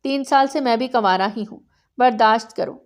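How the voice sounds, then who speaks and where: Woman reading a proud young male chieftain: calm, measured, controlling. Storybook reading, slightly high voice. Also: close to an everyday voice. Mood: possessive.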